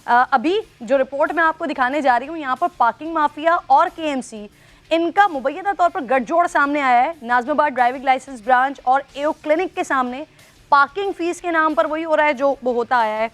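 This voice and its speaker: A woman's voice: sits high, a bit bright. A woman, hosting a news show in a conversational anchoring style. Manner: conversational, with fillers.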